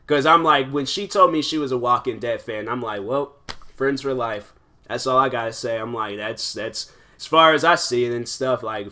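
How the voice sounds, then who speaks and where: Young male podcast host in his twenties, bright forceful tone, loose rambling solo chat. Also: mid-range voice. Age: 20s. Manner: rambling, full of "like" and restarts. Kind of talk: casual solo podcast monologue.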